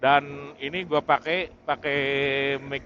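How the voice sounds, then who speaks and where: His voice a little high, level, slow, and fairly bright, a man vlogs about his camera in loose, hesitant chatter that rambles and circles back on itself. The audio runs through a wireless helmet-intercom mic, muffled and full of vehicle and road noise.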